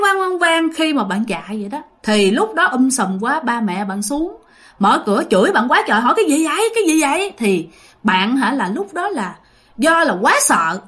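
Animated Southern Vietnamese woman storyteller. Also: a little high. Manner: animated, chatty, addresses listeners directly. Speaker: ghost story narrator. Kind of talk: casual storytelling.

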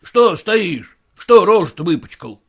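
A man's voice: fairly high pitch, expressive, unhurried, slightly rough, exaggerated voice. Man doing a flustered angry old-style merchant. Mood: fretful. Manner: agitated, indignant outbursts. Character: flustered angry middle-aged male merchant.

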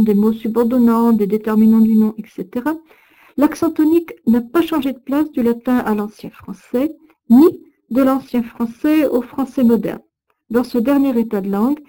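A woman with a French accent giving a recorded lesson, with slow, careful, deliberate diction. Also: on the high side, mellow. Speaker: teacher of Old French.

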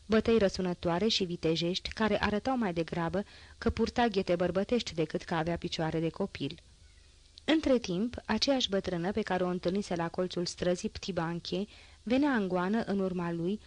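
Low-voiced woman reading a novel. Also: dry recording. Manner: measured literary reading. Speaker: audiobook reader. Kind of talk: audiobook narration.

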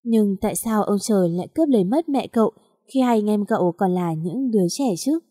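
Woman narrating an audiobook, slow mournful read, dry close mic. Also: medium pitch, lively intonation, warm tone, no echo. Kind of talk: storybook narration.

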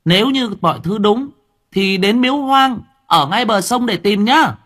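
A man voicing a stubborn, knowing small peasant boy in a storybook reading, in a high childlike voice with an urgent, insistent manner. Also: expressive, a little slow, sharp tone, heavily acted. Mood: urgent warning.

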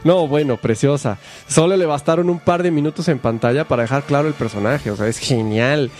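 A Mexican man hosting a casual podcast, chatting in an animated, slangy way and acting out quotes. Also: fairly high pitch, fairly quick, soft background music. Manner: animated, slangy, acts out quotes in shifting voices. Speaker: podcast host. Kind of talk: casual chat.

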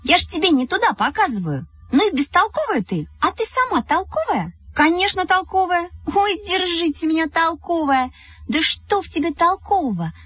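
A woman's voice: very high voice, very animated, fairly bright tone, dry recording, dull audio, pitched above the performer's own voice, full character voice. A woman voicing two cheeky young schoolgirls who tease each other in an audiobook story. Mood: teasing. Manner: teasing, giggly, quick.

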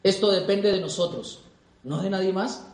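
A man's voice: high voice, normal speed. A young man from Colombia giving an emphatic motivational talk to a live audience, full of repeated rhetorical questions. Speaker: motivational speaker. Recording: echoey hall.

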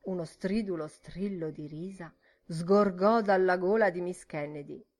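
A woman narrating a literary audiobook in a measured, rhythmic reading. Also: lowish voice, a little mellow.

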